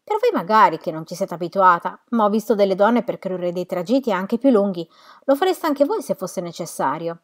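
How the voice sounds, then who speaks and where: A woman voicing a shy, lonely shopkeeper who grows lively in conversation, read from a novel. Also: mid-range voice, fairly quick, natural voice.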